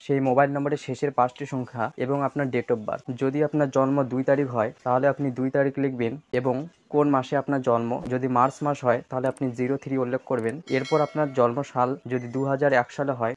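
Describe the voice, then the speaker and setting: A man hosts an instructional video. He speaks very rapidly in a flat, even tone at a medium pitch, laying out each step in order like a prepared script. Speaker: tutorial video host.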